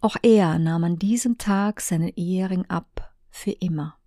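A woman narrating an audiobook in a hushed voice that often drops to a whisper. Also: on the low side, measured pace, no room sound, studio quality.

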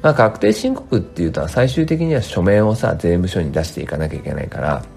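A male tax accountant hosts his own casual solo podcast from his home work room on a home studio mic, with faint music behind. His deep, darkish voice has vocal fry, big pitch swings and a fairly quick pace, sounding dry and strained in the morning as he rambles chattily with plenty of fillers.

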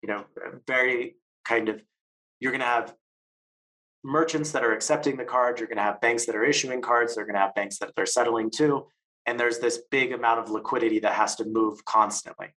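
Answering interview questions at length, this man, a stablecoin expert and guest, speaks haltingly, peppering his talk with fillers, restarts, false starts, and repeated words. His mid-range voice is steady, bright, and forceful in tone, though the audio quality is poor.

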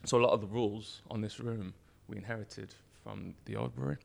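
British male brewer as interview guest, croaky and gravelly from last night's drinks, lowish and bright, loose hesitant chat. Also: fairly even intonation, a little fast. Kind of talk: casual chat. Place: brewery tap room, indoors. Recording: echoey unit, uneven mic distance.

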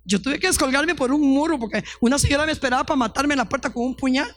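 A woman's voice: high voice, quick pace, dry recording. A middle-aged woman pastor gives a fervent testimony sermon, acting out the voices of people in her stories. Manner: fervent storytelling, acts out quoted voices.

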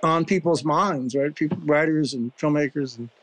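A male podcast host with a somewhat high-pitched voice. He chats casually and circles around his questions, restarting often and leaning on fillers. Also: fairly bright tone. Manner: rambling, halting questions with many restarts. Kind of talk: casual interview chat.

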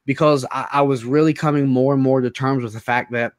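A man in an interview telling his own story, earnest and halting, often repeating words as he searches for them. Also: mid-range voice, steady tone, clear, resonant tone, no echo, clean studio sound. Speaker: interview guest. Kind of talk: personal testimony in an interview.

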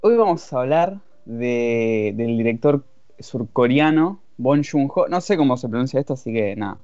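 A man's voice: mid-range voice, expressive, moderate pace, darkish tone, clear, resonant tone, no echo. A man with an Argentine accent, a guest on a casual podcast, talking in a laid-back, jokey way. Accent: Argentine Spanish. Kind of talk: casual chat. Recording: dull lo-fi dry audio, faint music.

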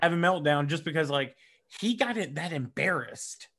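Joking man with a slightly high voice. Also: normal speed. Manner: relaxed, joking, rambling. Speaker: podcast co-host and father. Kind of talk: casual chat.

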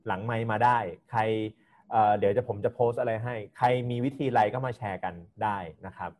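Relaxed chatty podcast host, man. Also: mid-range voice, quick pace. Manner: relaxed and chatty, laughs often, filler-heavy. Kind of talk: casual group chat.

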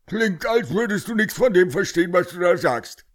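A man's voice: high voice, expressive, moderate pace, voice pushed up. A man doing a sly, over-caffeinated bird prosecutor. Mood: probing. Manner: sly, theatrical questioning. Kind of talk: audio story narration.

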